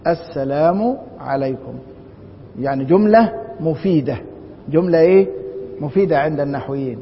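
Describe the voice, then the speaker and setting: A man with an Egyptian Arabic accent teaching Islamic law in a classroom lecture. He keeps posing rhetorical questions and answering them himself. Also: normal speed. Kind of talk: classroom lecture on a religious text. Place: large mosque lecture hall. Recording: dull, reverberant hall with faint rumble.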